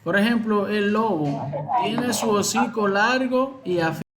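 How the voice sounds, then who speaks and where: A man with a Dominican accent teaching his class, his voice set fairly high. He works through an exam answer by answer, repeating key words and putting questions to the students. A faint hiss sits under the recording. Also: measured pace, fairly bright tone. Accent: Dominican Spanish. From Dominican Republic.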